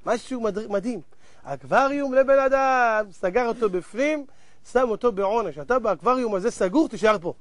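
Very high-voiced, dramatic male preacher. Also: lively intonation, dry recording. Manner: dramatic, swinging between loud exclamations and hushed asides; addresses the audience directly. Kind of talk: sermon with a told parable.

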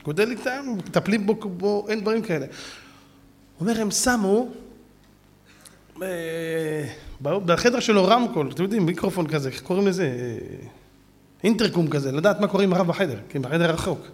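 A man preaching a sermon and telling stories, acting out the people in them and often shouting. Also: high-pitched, in a large hall. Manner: animated storyteller who acts out quotes, often shouting.

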